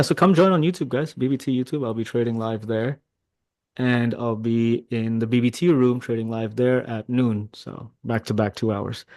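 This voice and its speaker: Middle-aged male trading mentor, live market commentary, excitable, chats with viewers, dry close sound. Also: medium pitch, no echo. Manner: excitable, talks to chat, swears when frustrated.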